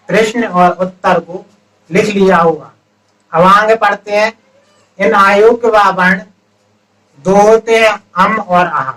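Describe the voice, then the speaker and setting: High-voiced man teaching grammar. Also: a bit bright, far from the mic, rough recording. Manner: explains step by step, asks the students questions and answers them himself. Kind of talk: classroom-style lesson.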